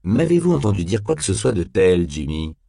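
A man's voice: lowish voice, very animated, a little fast, gravelly, warm tone, no echo, clean studio sound, pitched above the performer's own voice. A man voicing a sardonic, hard-nosed police detective interrogating a suspect in a cool, needling tone in an audiobook. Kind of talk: audiobook character voice.

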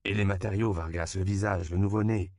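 A man voicing an indignant, sharp-tongued male priest in an audiobook. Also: sits low, fairly even intonation, a little fast, dry recording, studio quality, pitched above the performer's own voice. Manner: indignant, stern.

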